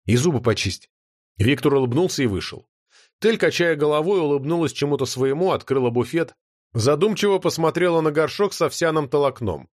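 A man narrating an audiobook in an expressive reading style. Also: a little high, brisk, dry recording, clean studio sound.

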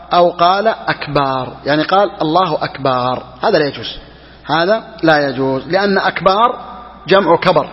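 A man teaching religious law as a sheikh, who talks quickly and repeats key phrases for emphasis. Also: fairly high pitch, long reverb tail, lo-fi sound. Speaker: sheikh teaching Hanbali jurisprudence. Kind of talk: religious lesson explaining a text.

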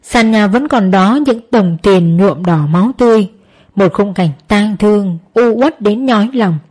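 A woman's voice: mid-range voice, a little slow, a little mellow, husky. A woman narrating a dramatic story in an emotive, tense storytelling manner.

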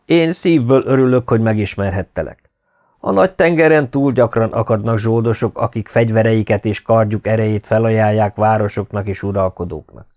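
A man's voice: lowish voice, darkish tone, no echo, natural voice. A man voicing a loyal, devoted Spanish soldier in an audiobook, speaking solemnly and earnestly. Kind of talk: audiobook character reading.

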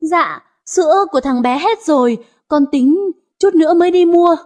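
A woman's voice: sits high, expressive, moderate pace. A woman voicing a scheming young daughter-in-law, who stammers and pleads. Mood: flustered.

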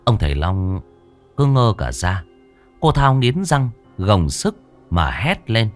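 Man, horror story narrator, low voice, lively pitch, dramatic suspenseful delivery. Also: slow, soft background music.

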